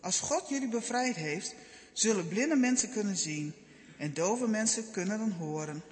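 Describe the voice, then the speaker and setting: A man reads a calm, hopeful young girl in a children's storybook, soft and quiet. Her lines are lifted a little in pitch and ring in a long reverb. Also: normal speed.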